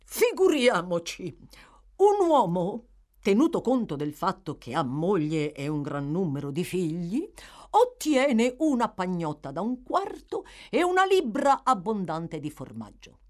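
A woman's voice: fairly low pitch, huge pitch swings, a little mellow. A woman doing a pompous beadle, Mr. Bumble. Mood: indignant. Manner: pompous, indignant, drawn-out emphatic questions. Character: pompous self-important middle-aged male parish beadle. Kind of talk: audiobook reading.

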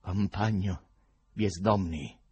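A man voicing a plump, courteous male official who talks as if making a speech, with a husky voice. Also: sits low, slow, a little mellow, exaggerated voice. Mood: soothing. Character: plump, smooth-talking male official, soothing.

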